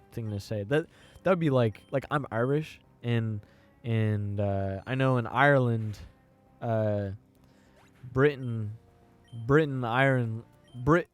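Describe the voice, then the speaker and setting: A man's voice: medium pitch, a little mellow. A young American man talks on his podcast in a loose, rambling way. He often stops to search for words and keeps asking if you follow him. Faint music plays underneath his voice. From United States. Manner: rambling, hesitant, full of "you know what I mean". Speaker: podcast host. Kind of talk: casual opinion monologue.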